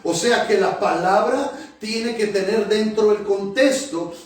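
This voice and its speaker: A man's voice: high-pitched, unhurried. A male pastor preaching a sermon to his congregation, emphatic, repeating phrases for effect. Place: church hall. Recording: very echoey church hall, mic at a distance.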